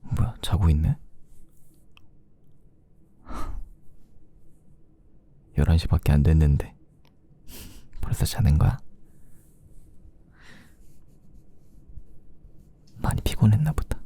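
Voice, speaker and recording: Whispered role-play: sweet, affectionate boyfriend played by a man, extremely low pitch, husky breathy murmur, intimate and gently teasing. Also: animated, brisk, heavily acted. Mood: tender. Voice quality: soft, breathy. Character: sweet, doting boyfriend cuddling his sleepy girlfriend.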